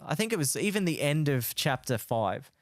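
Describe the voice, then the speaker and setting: A man co-hosting a casual gaming podcast, enthusiastic and quick to laugh. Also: a little high, very animated, no room sound, studio quality. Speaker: podcast co-host.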